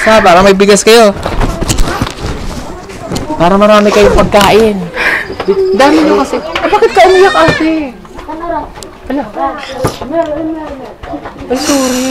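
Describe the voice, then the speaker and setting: A woman from the Philippines vlogs while handing out aid, chatting casually on camera in a coaxing, motherly way and laughing easily. Her voice is mid-range, and the background is noisy.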